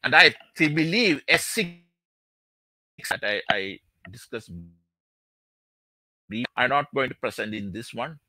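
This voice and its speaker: A man gives a halting live-streamed physics talk, stopping and restarting his sentences between fillers. His voice is very bright and sits dry and close, but a faulty mic crackles and cuts in and out under him. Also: mid-range voice, animated, dry recording. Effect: crackling mic cutting in and out. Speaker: presenter of his physics theory. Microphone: faulty microphone on a video call. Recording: dry sound, mic dropping out.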